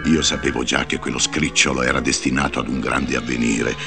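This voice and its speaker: An actor playing a wise, patient old wizard who narrates a read-along storybook in a lively, theatrical way. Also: male voice, extremely low pitch, a little fast, gravelly, faint music behind, heavily acted. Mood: storytelling.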